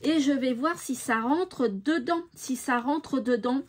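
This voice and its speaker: A high-pitched woman with a regional French accent talks casually to her viewers as a craft vlogger. She is cheerful and enthusiastic, peppering her speech with fillers and repeated "voilà". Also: takes it slowly. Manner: chatty, many fillers and "voilà".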